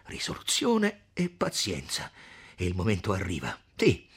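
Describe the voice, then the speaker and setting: A man voicing a hot-tempered young man in a storybook reading, shouting fiercely in a high, strained voice. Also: huge pitch swings, unhurried, breathy edge, heavily acted. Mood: furious.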